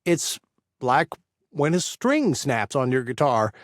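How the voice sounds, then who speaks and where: An awkward adult stepfather fumbling through a talk, voiced by a male narrator. His words come in halting bits, a little raised and unsure, in a storybook reading. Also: mid-range voice, very animated, dry recording, studio quality.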